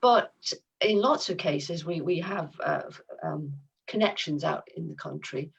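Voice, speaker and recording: A woman's voice: low voice, a little slow, vocal fry, breathy edge, distant mic, lo-fi sound. A woman on a panel speaking reflectively about a joint project, hesitating with fillers over a video call. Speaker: museum panelist.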